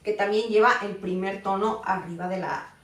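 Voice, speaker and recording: A woman's voice: medium pitch, steady tone, moderate pace, a little hiss or hum. A woman teaching a live online Mandarin class, explaining patiently and often checking in with "ok?". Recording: roomy echo, voice far from the mic.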